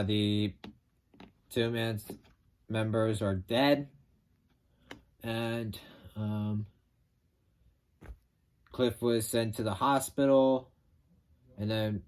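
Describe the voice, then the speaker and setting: A film reviewer with a lowish voice casually retells a movie's plot, rambling and animated. He acts out quotes and swears now and then.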